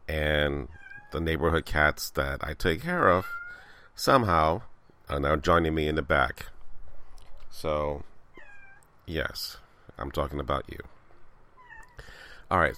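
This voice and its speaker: Very deep-voiced man with a scratchy voice. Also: sharp tone. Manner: chatty, rambling, enthusiastic. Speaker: podcast host. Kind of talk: casual solo podcast talk. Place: outdoors in a backyard.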